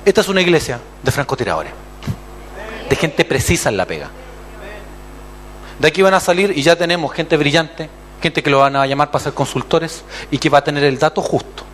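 Chilean pastor guy preaching, voice jumps all over, bit high, faint hum behind. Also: brisk, pauses often. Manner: animated, acts out voices and calls for amens. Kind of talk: sermon.

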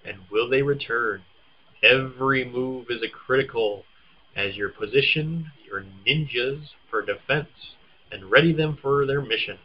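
Husky playful man on a dull lo-fi recording. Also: mid-range voice, unhurried. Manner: playful, teasing. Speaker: podcast co-host. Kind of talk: casual chat, reading game blurbs.

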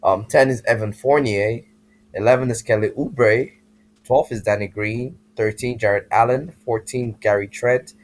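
A young man co-hosting a casual sports chat, speaking in a dry, measured way. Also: mid-range voice, poor audio. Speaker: podcast co-host.

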